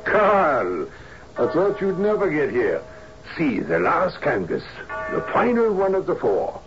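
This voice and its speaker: An actor playing an eager, excitable young painter in a drama. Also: male voice, on the high side, unhurried, dull audio, music in the background. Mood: eager, excited. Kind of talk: screen drama acting.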